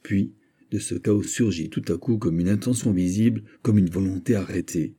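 A man narrating a classic novel as an audiobook in a steady, measured reading. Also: sits low, breathy edge.

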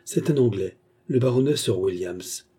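An obliging stable groom who answers simply, read by a man. The voice is low, very dark and husky. It is a storybook reading. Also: animated, normal speed.

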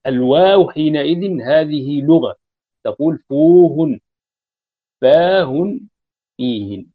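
A man teaching a grammar lesson, explaining each point deliberately with frequent drawn-out fillers, on a dull lo-fi recording. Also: on the high side. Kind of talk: explaining Arabic grammar in a lecture.

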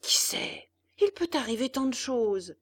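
A woman voicing a kind, patient old woodcarver father in a storybook reading, gently lecturing. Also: on the high side, big pitch swings, a little slow, voice pushed up, exaggerated voice.

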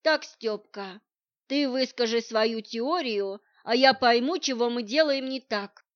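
Brief: woman doing a grumbling, businesslike young hacker man for an audiobook, higher voice, dull lo-fi sound. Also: a little slow. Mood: brusque. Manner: grumpy, irritable, businesslike. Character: sleepy, grumbling young male hacker friend. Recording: muffled lo-fi audio.

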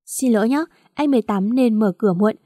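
A polite young man greets his neighbor casually in a storybook reading, voiced by a woman narrator. The tone is mellow and dry, close to the mic. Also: fairly high pitch, a little fast, no room sound, natural voice. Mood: friendly.

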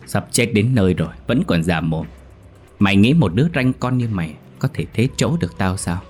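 A man with a deep voice reading as a cruel, jealous older wife who sneers and taunts in a storytelling narration. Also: animated, brisk, a little mellow, slightly rough, faint music behind. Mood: taunting.

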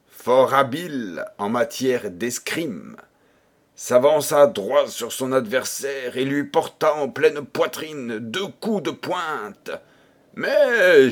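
A man reading a fairy-tale audiobook aloud in an expressive, theatrical manner. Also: mid-range voice. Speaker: audiobook reader. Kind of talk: expressive storybook narration.

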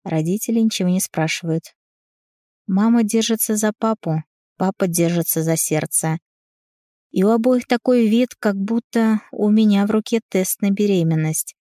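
A woman's voice: mid-range voice, normal speed, warm tone, no echo, clean studio sound. A woman narrating a novel in the first person in a wry, confiding way. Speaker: audiobook narrator.

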